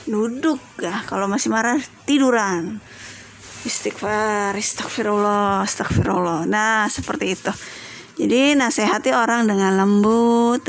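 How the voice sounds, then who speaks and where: A woman teacher giving a religious lesson to young children, telling a story gently and checking in with them often. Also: a little high, creaky. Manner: acts out quoted voices in the story. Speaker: primary school teacher.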